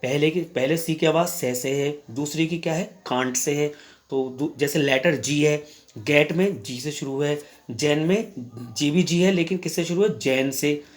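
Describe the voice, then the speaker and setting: A man teaching a class in Hindi, reading English examples slowly and answering his own questions as he explains. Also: fairly high pitch. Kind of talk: classroom lecture.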